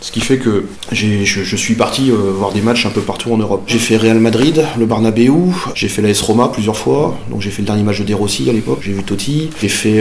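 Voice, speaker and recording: A man's voice: fairly low pitch, slight background noise. A man in his forties, an interviewee speaking casually and hesitantly, with many fillers. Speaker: interviewee, football fan. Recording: roomy with faint ambience.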